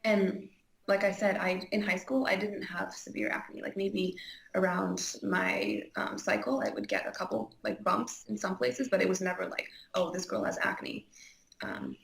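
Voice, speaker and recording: A woman's voice: mid-range voice, expressive, normal speed, gravelly, reverberant, slight background noise, low-quality recording. A young woman from Iceland, an interview guest telling her personal story candidly, chatty and full of "like" and "um". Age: young adult. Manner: chatty, heavy use of "like" and "um", frank.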